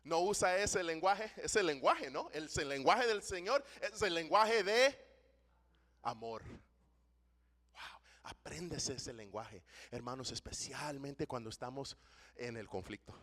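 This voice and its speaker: Animated bilingual preacher in a hall. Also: male voice, on the high side, measured pace. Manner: animated, rises loud then drops soft, frequent "right?". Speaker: pastor. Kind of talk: bilingual sermon, preaching then repeating in English. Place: church sanctuary. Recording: long church hall reverb.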